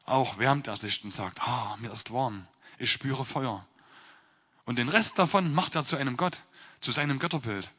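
Bright-voiced man preaching in a reverberant hall. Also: medium pitch, expressive, husky. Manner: reads scripture slowly, then explains with emphatic stresses. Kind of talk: scripture reading with sermon commentary.

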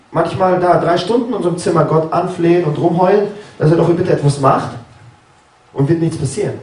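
Man, sermon, chatty, fairly high voice, echoey room. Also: far from the mic. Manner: conversational, keeps asking "ja?" and "ne?"; acts out biblical dialogue with sudden pitch jumps. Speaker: preacher. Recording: roomy, from off-mic.

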